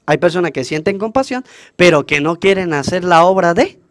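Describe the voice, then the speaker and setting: Priest with a high voice, dry close sound, teaching by question and answer during Mass. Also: male voice, lively intonation, moderate pace, a bit bright, no echo. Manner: asks the congregation questions and answers them himself. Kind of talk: call-and-response homily at Mass.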